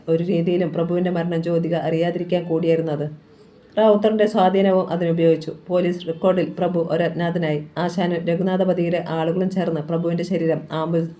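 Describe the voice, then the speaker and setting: A woman narrates a crime thriller in a low, mellow voice. Her reading is dramatic, and she lifts her voice at the story's tense moments. The delivery is steady and scripted. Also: fairly quick. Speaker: novel reader.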